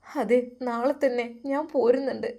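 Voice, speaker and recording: A woman's voice: a little high, fairly even intonation, normal speed, mellow, voice pushed up, natural voice. A woman voicing a hurt, determined young man in a Malappuram Malayalam accent. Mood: earnest. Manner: earnest and resentful.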